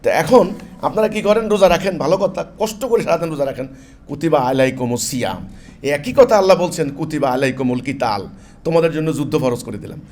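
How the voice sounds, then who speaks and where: Male preacher from Bangladesh, emphatic and repetitive delivery, voice pitched a little high. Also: lively intonation, a little fast, a little mellow, slight background noise. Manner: emphatic, repeats phrases, mixes in English words. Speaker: Islamic preacher. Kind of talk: sermon-style religious talk.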